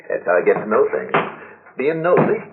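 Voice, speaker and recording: An actor playing a chatty, nosy small-town mail clerk with a folksy manner in an old radio drama. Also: male voice, mid-range voice, big pitch swings, vocal fry. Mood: teasing, prying. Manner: folksy, drawn-out, inquisitive. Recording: tinny, hissy old radio recording.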